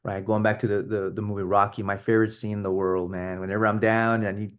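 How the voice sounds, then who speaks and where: Low-voiced earnest man retelling a story. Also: flat delivery, fast talker, smooth. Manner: earnest, storytelling, many restarts. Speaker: podcast co-host. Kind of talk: casual conversation.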